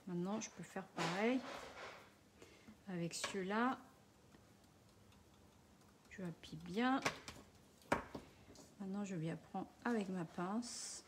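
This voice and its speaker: Woman, non-native French accent, slow and chatty, craft live stream, faint hiss behind. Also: medium pitch. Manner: chatty, talks viewers through each step. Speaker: craft demonstrator.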